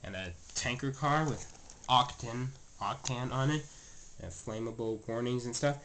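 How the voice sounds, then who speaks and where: A toy train vlogger walks viewers through his train room at home in a casual, rambling show-and-tell, full of fillers, restarts, and self-corrections. His medium-pitched voice is stuffy and scratchy yet fairly bright in tone, and he speaks at a measured pace. The indoor recording comes from a handheld camera mic held close.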